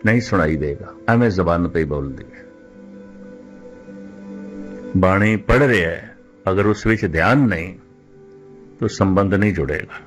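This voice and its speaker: An older man giving a measured religious discourse, repeating phrases and slowing down to recite scripture. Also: low voice. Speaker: Sikh preacher giving katha.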